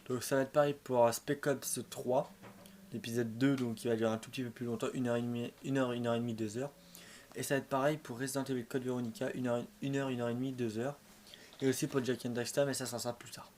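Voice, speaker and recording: A man hosts a gaming video in a casual, rambling way. He often doubles back to repeat or correct what he said. His mid-pitched voice comes with clear background noise. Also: flat delivery, fast, a little mellow. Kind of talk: casual let's-play commentary. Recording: clearly noisy home recording.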